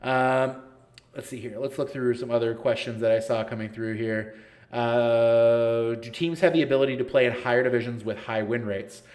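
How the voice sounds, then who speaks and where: A man's voice: mid-range voice, steady tone, normal speed, a little mellow. A man in his thirties hosting a casual live-stream Q&A for a gaming league, answering chat questions in a blunt, joking, sarcastic way. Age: 30s.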